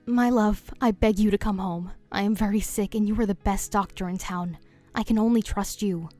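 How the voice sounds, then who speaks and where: A woman voicing a cheating wife in an animated story, who begs her husband to come home. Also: medium pitch, moderate pace, soft background music, close to an everyday voice. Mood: pleading. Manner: pleading. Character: cheating wife, scheming and then desperate.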